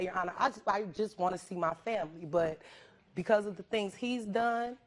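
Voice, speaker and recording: Complaining, indignant woman in court. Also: fairly low pitch. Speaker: wife as litigant on a court show. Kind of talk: aggrieved personal testimony. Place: TV courtroom studio.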